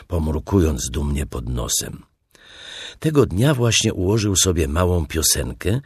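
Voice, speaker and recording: Deep gravelly man reading a story. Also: no room sound, clean studio sound. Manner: slow, expressive reading. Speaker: narrator. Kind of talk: audiobook storytelling.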